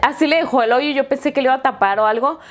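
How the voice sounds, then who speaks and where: Fast-talking woman vlogger. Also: high voice. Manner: animated, quotes people in lively voices. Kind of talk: casual storytelling.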